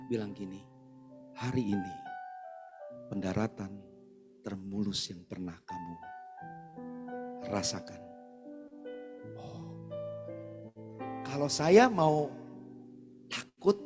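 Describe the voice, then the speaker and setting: A male pastor giving a casual, chatty storytelling sermon, speaking directly to his congregation. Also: a little high. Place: church service hall. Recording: long church reverb, soft guitar behind.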